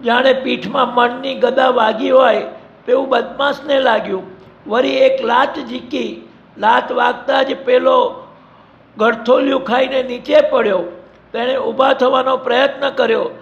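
A man's voice: extremely high pitch, fairly even intonation, a little slow, creaky, a bit bright. A man narrating an adventure story in a vivid, emphatic storytelling manner. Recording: dull lo-fi recording.

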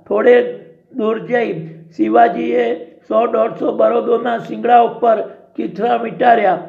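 A man narrating a story in a steady, dramatic storytelling manner, with a dull lo-fi sound. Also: very high voice, gravelly. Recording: dull lo-fi recording.

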